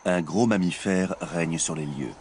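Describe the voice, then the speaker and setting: A man delivering scripted nature documentary narration in a measured, expository storytelling way. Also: low voice, background noise. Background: music.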